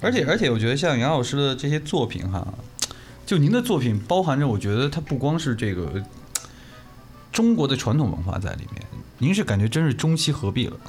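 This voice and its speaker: A man co-hosts a casual radio interview at a brisk pace. His talk is colloquial and enthusiastic, with a little music behind it. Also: mid-range voice, sing-song, a little mellow. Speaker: radio show co-host.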